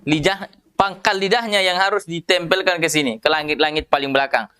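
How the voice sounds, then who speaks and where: A man with an Indonesian accent teaching Quran recitation, pitched fairly high with a smooth, resonant tone. He explains patiently in a conversational way, often restarting his sentences. He stretches out single syllables slowly so that learners can copy them. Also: pushed and bright. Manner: patient, repeats syllables slowly to demonstrate pronunciation; many fillers and restarts, conversational. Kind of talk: tajwid lesson.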